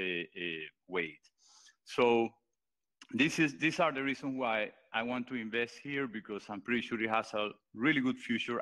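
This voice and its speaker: A man's voice: mid-range voice, sharp tone, rough recording. A man presenting his post on a live voice chat, earnest and hesitant, with many fillers and restarts. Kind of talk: casual pitch on a live voice chat.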